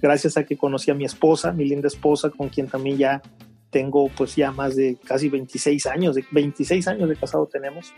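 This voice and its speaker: A middle-aged man from Veracruz, an interview guest telling his story in an unhurried way, with frequent restarts and fillers. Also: medium pitch, fairly even intonation, warm tone, husky, soft background music. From Mexico (Veracruz). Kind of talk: conversational interview.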